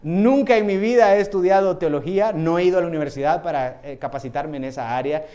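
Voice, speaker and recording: A man giving a sermon as a lay preacher, tagging his phrases with a questioning "right?" and swinging between soft asides and loud emphatic bursts. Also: fairly high pitch, quick pace. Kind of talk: sermon with personal testimony.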